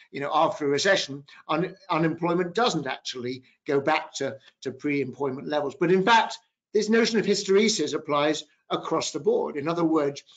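Over dull video-call audio, a business professor in his fifties moderates a business panel discussion as webinar moderator. His voice is a little high with a fairly bright tone.

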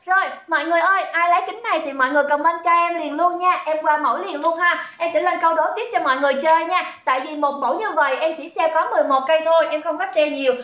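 A woman's voice: very high-pitched, steady tone, rapid-fire, few pauses, roomy sound, muffled recording. A woman running a live-stream sale, chatty and calling out viewers by name. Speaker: livestream seller. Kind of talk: live-stream sales chat.

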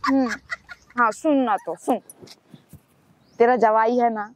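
A woman's voice: a little high, takes it slowly. A woman in a comedy sketch, chatting on the phone and bickering and scolding.

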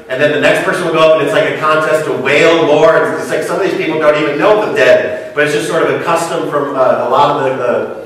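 A pastor preaches in a casual, joking way, checking in with his listeners through rhetorical questions. His voice sits high for a man. He is heard from a distance in a very echoey church room. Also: fairly bright tone. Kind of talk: sermon. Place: church sanctuary.

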